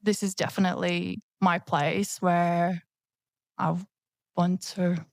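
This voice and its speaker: A woman's voice: on the low side, level tone, takes it slowly, creaky, no room sound, studio quality. A woman from the Czech Republic with a Czech accent, chatting eagerly as a podcast guest. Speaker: guest, buyer's agent. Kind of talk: casual podcast chat.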